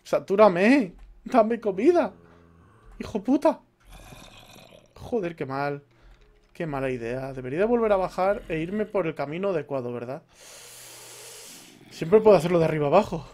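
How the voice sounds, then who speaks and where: Swearing Spaniard gamer muttering while playing. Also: male voice, a little high, expressive, a little fast, pauses often, warm tone. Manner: swears a lot, mutters to himself. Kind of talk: let's play commentary.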